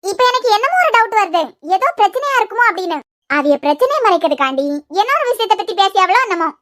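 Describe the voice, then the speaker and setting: A woman's voice: very high-pitched, very animated, fast talker, a bit bright, no room sound, studio quality, heavily acted. A woman with a Kanyakumari Tamil accent voicing a sulky, sarcastic young wife in a cartoon series. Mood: curt. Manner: curt, sarcastic. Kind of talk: cartoon web series voice acting.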